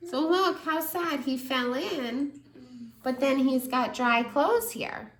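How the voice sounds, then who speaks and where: Reading aloud to toddlers in an echoey room, this thirties-aged teacher and children's story reader speaks slowly in a high-sitting voice. She's warm and animated, stopping to put questions to the little ones as she goes through the picture book.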